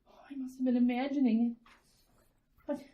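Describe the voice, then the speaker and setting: In an old-fashioned radio drama, a woman plays an anxious suburban housewife and mother who hesitates, repeats words and frets while trying to hide her worry. Her voice is high and flat, delivered at normal speed, natural-sounding but muffled in the recording.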